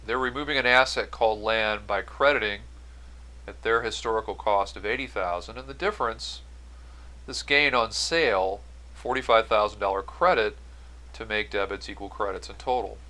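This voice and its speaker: A man's voice: on the low side, moderate pace, sharp tone. A man giving an explanatory accounting-style lecture as an instructor, going step by step and stressing key phrases. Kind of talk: explanatory lecture over on-screen notes.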